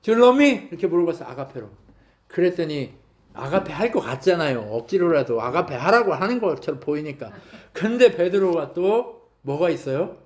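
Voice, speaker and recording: A man's voice: on the high side, animated, normal speed. A male pastor preaching a sermon, often asking the congregation questions and acting out bits of dialogue. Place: church sanctuary.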